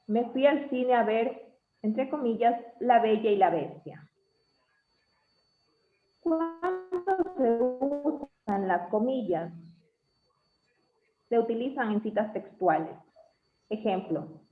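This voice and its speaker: A woman reading a class presentation on punctuation, going through definitions and examples in a measured way. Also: on the high side. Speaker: student presenter. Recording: tinny phone-like audio in an echoey room.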